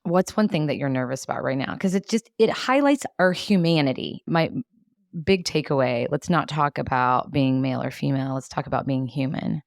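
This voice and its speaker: A woman's voice: very deep voice, normal speed, gravelly, no echo, studio quality. A woman in her forties hosting a podcast, enthusiastic and affirming toward her guest. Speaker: podcast host. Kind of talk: casual podcast conversation.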